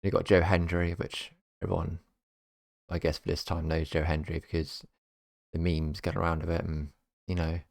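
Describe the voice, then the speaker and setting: A man's voice: sits low, little pitch movement, normal speed, gravelly, darkish tone, no echo, studio quality. A man hosting a reaction video, talking casually in a rambling, hesitant way with many fillers.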